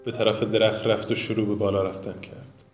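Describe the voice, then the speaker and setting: A man narrating a scripted fantasy audiobook in a measured, dramatic way. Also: lowish voice, little pitch movement. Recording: roomy with background music.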